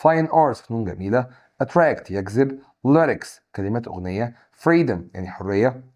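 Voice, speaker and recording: Young Egyptian Arabic male teacher, mellow voice, brisk vocabulary drill. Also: medium pitch, expressive. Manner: brisk, reads each English word then its Arabic meaning. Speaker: English teacher. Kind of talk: exam review lesson, reading vocabulary lists.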